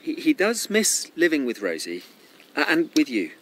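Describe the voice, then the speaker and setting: A man's voice: fairly high pitch, wildly swooping pitch, moderate pace, a bit bright, slight background noise, low-quality recording. An actor playing a hesitant, stammering older brother who awkwardly warns a woman off. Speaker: Rex, protective older brother. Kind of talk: radio drama acting.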